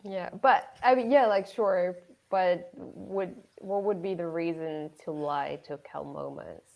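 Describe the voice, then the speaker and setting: A woman's voice: fairly low pitch, slow pace, vocal fry, a little mellow. A woman co-hosting a casual book podcast, hesitant and full of restarts and fillers. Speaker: podcast co-host. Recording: dull lo-fi audio.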